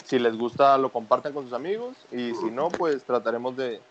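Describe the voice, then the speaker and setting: A man co-hosting a podcast, wrapping up the episode in a relaxed, polite, slightly halting way. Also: medium pitch. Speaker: podcast co-host. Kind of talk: casual podcast sign-off. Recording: dull lo-fi sound with faint noise.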